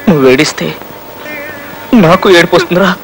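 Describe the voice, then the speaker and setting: An actor playing a remorseful elder brother who gently and tearfully consoles his sibling, with film music under his voice. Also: fairly high pitch, a little fast, low-quality recording.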